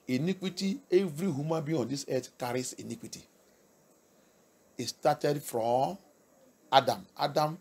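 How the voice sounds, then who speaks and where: Male pastor preaching slow, gravelly and husky, repeats phrases, goes soft then loud. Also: mid-range voice. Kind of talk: sermon.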